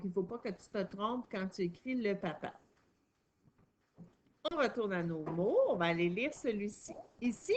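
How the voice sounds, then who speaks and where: A woman with a Quebec French accent teaches a young child to read and copy words, taking it one careful step at a time. She talks slowly and patiently, with a voice of middling pitch. A faint noise sits under her voice. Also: a bit bright, highs cut off. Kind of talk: reading and writing lesson for a young child.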